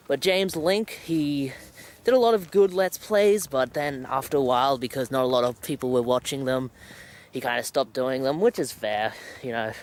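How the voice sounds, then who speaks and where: A young man with an Australian accent talks casually to a handheld camera. He breathes heavily as he walks, in a mid-pitched voice. The outdoor recording carries some faint noise. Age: young adult. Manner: heavy breathing while walking. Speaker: vlogger. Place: outdoors at night, walking in a suburban riverside area. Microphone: handheld camera at arm's length.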